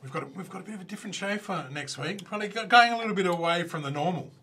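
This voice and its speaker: Australian male host, slightly raised pitch, joking banter. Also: very fast, sharp tone. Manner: chatty, jokey banter. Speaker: show host. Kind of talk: casual chat.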